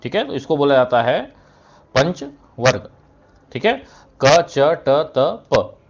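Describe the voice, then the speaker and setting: A male Hindi teacher explains a classroom lesson step by step, posing questions and answering them himself. His medium-pitched voice is expressive and slow, with the highs cut off. He keeps slipping "thik hai" between phrases and clears his throat now and then.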